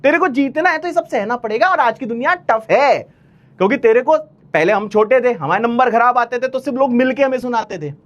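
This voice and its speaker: A man's voice: very high voice, fairly quick, highs cut off. A male maths teacher giving an online lecture, chatty and teasing, pushing his students with blunt encouragement. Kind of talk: online maths lecture, motivational pep talk.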